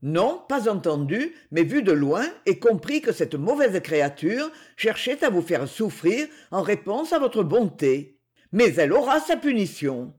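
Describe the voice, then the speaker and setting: A reader voicing a stern, courteous brigand king who speaks gravely and with conviction. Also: high voice, very animated, unhurried, heavily acted. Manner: cool, courteous, solemn.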